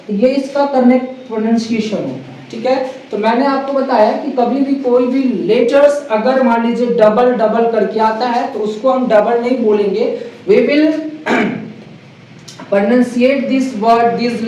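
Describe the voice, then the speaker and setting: A woman's voice: a little high, a little mellow. A woman English teacher giving a spoken pronunciation lesson, repeating each word and asking the viewer to say it back, with English phrases mixed into her explanation. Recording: echoey room, distant mic, faint hiss.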